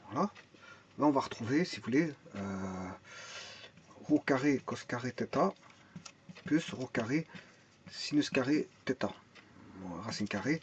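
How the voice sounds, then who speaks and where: On a lo-fi recording with slight background noise, a man with a mid-range voice teaches math and physics step by step. He thinks aloud, often repeats words and restarts, and asks his own questions before answering them.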